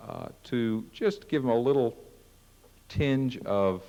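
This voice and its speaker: A man with a fairly low voice talks staff through a set of ads. He is casual and pokes fun at himself now and then. His voice carries the long reverb of a large conference hall. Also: darkish tone. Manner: casual, self-deprecating, acts out ad lines. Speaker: marketing presenter at a company meeting. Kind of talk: presentation to staff.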